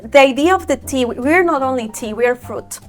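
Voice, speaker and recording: A woman from Ecuador, talking as an entrepreneur guest in an enthusiastic, animated way. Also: high-pitched, faint music behind. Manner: enthusiastic, animated, quick bursts with restarts. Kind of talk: podcast interview.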